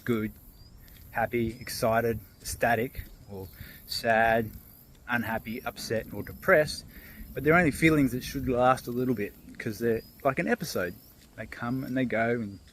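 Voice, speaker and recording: A man's voice: medium pitch, moderate pace, slight background noise. A man vlogging while out on a walk, casually telling a fable and musing on feelings. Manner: relaxed, loose, with fillers and restarts. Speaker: motivational vlogger. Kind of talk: casual storytelling vlog. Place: outdoors on a walk.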